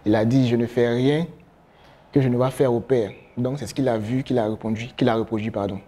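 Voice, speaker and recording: A young man with an Ivorian French accent, a gospel rapper answering interview questions in a relaxed way, often pausing with fillers. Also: mid-range voice. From Côte d'Ivoire. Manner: relaxed, gestures a lot while talking, frequent fillers. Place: studio with branded backdrop, seated.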